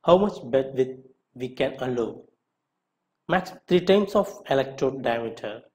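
Reading a scripted lesson in the manner of a teacher, a man poses questions and gives short answers, one after another, at a deliberate pace. His mid-range voice is animated and a little mellow.

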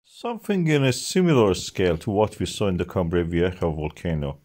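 A man's voice: sits low, huge pitch swings, moderate pace, a little mellow. A middle-aged man narrating a science explainer as channel host, with non-native phrasing and emphatic rises on key words.

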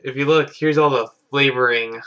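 A man's voice: mid-range voice, steady tone, moderate pace, a bit bright, lo-fi sound. A man in his twenties chatting casually to camera as a vlogger in a bedroom. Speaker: YouTube vlogger. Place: carpeted bedroom, indoors.

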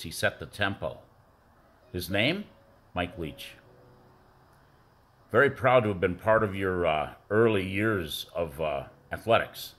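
A man's voice: deep voice, fairly bright tone. A middle-aged man, a former youth football coach, giving a rambling birthday tribute full of fillers and war stories. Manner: rambling storytelling with many fillers.

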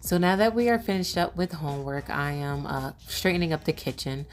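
Brief: woman in her thirties, low voice, casual vlog voice-over, lots of "um", faint music under. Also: lively intonation, brisk. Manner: chatty, many "um" fillers. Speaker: vlogger, mother.

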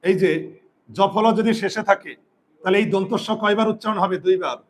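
A man teaching pronunciation, explaining step by step and often asking his students questions. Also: high voice. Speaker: Bengali grammar teacher. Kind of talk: whiteboard pronunciation lesson.

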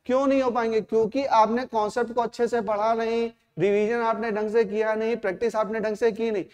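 A male coaching teacher giving a fatherly, repetitive motivational talk to his students in a classroom. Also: very high-pitched. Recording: echoey hall.

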